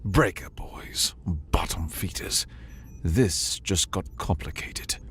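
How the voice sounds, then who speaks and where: A man's voice: expressive, measured pace, slight background noise. A man voicing a tough, terse female scavenger with a rifle in a sci-fi audiobook. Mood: cool. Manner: terse, low and guarded.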